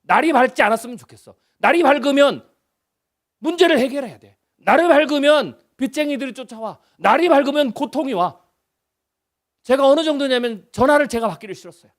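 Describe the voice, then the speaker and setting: A man in his fifties, visiting as a guest pastor, delivers a revival sermon in an extremely high, animated, brisk voice. He is chatty and fires off rhetorical questions, swinging between loud emphasis and hushed lines.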